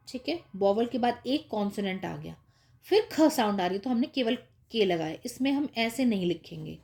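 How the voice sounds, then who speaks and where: A woman's voice: fairly high pitch, darkish tone. A woman teaching young children spelling rules, patient and repetitive, checking in often as she explains each word. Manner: patient, repeats with "ठीक है" and "है ना" checks.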